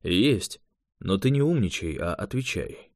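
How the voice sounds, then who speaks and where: A male reader puts on a gruff senior mage who grumbles his questions in a low, quiet voice. His speech is curt and displeased. The sound is close and dry, like a studio audiobook. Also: expressive, measured pace, dry recording, exaggerated voice.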